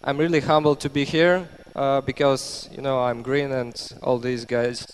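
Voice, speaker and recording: A man's voice: medium pitch, flat delivery, normal speed. A young man from Russia speaking on a conference panel, with many repeated words and restarts. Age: young adult. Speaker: panelist, entrepreneur. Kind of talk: panel discussion. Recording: echoey hall, faint background noise.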